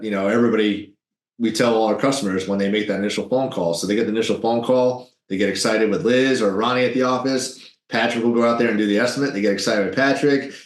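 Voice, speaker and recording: Lively business owner, roomy echo. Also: male voice, lowish voice. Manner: animated, salesy, quick asides. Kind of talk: business interview.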